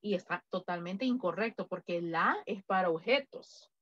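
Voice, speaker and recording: The speaker is a woman with a Latin American Spanish accent, giving an online English grammar class in which she repeats example answers slowly and with patience. Her voice is on the low side yet fairly bright, recorded dry with the highs cut off.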